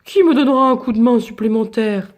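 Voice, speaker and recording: A woman voicing a big, gentle male elephant in a read-aloud storybook who keeps asking others for help, in a drawn-out, coaxing voice. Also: on the high side, lightly acted. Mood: pleading.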